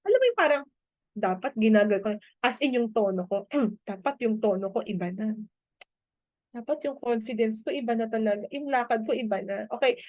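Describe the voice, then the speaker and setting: High-voiced Filipino woman giving a chatty pep talk. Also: expressive, brisk, a little mellow, no echo. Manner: chatty, mixes Tagalog and English, often asks "di ba?". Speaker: team leader in a business meeting. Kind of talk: motivational talk to a team. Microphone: video call.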